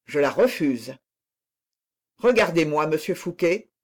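Fervent noble lady pleading for love as a reader puts her on, slow delivery. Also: mid-range voice, expressive.

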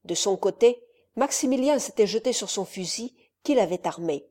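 A woman reading a novel aloud in a measured, expressive narration. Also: medium pitch.

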